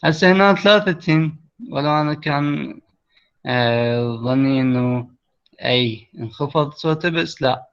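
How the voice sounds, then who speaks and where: A man's voice: fairly high pitch, normal speed, smooth. A man with an Iraqi accent teaching a class over a video call, explaining step by step and checking that his students follow. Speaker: English teacher. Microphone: computer mic on a video call. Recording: lo-fi online call audio.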